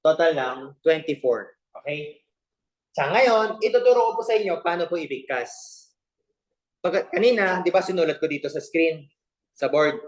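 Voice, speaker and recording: A man with a fairly high voice teaches an online class over a video call. He keeps asking his students questions and slips playful jokes into the lesson. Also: lively intonation, moderate pace. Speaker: Korean language teacher.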